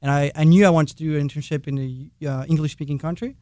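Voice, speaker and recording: Young male guest, French accent, rapid eager storytelling, dry close mic. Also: a little high, steady tone, dark tone, no echo. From France. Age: 20s. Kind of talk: casual interview chat.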